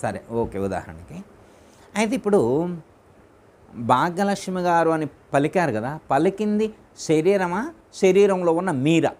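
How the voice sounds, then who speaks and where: A man's voice: fairly high pitch, lively intonation, measured pace, long pauses, darkish tone. A man as spiritual teacher giving a discourse in a private home, repeating his phrases and putting questions to his listeners.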